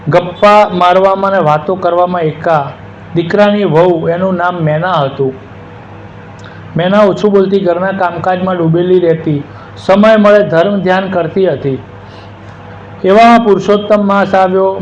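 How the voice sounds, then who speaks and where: Guy from gujarat telling a holy story, steady recital, muffled with some hiss. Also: fairly high pitch. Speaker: kathakar storyteller. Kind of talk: religious story narration. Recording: dull lo-fi with faint hiss.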